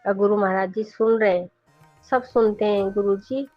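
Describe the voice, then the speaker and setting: A woman's voice: mid-range voice, steady tone, moderate pace, dry recording. Earnest middle-aged woman giving devotional testimony. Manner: earnest, keeps addressing the listeners as sangat ji. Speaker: devotee sharing a satsang. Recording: dull, dry recording with faint background music.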